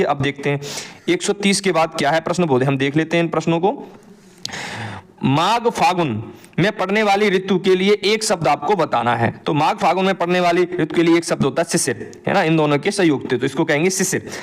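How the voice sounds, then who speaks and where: A man teaching an exam answer walkthrough, asking his students a question and then answering it himself. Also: a little high.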